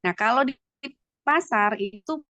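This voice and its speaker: A woman's voice: fairly high pitch, unhurried, pushed and bright, no echo. A woman trainee reporting her breakout group's discussion over a video call, explaining at length with many hesitant fillers. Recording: dull dry video-call audio.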